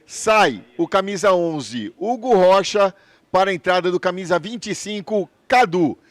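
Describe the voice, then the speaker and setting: A man's voice: high voice, animated, measured pace, no echo. A man with a Brazilian accent reporting live on a football match as the sideline reporter.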